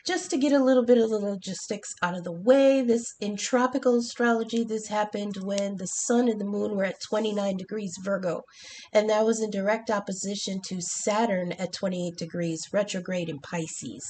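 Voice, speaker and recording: Warm in tone, with a mid-range pitch and a little hiss or hum, a woman who reads tarot gives a chatty tarot and astrology session. Congested from the flu, she's full of ums and restarts and now and then drops a casual swear word.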